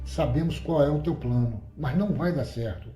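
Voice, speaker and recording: Brief: coarse commanding tough guy read by a male narrator, dark mellow voice, roomy echo. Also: fairly high pitch, moderate pace, faint music behind, close to an everyday voice. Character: blunt domineering young man, tough enforcer. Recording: roomy echoey recording.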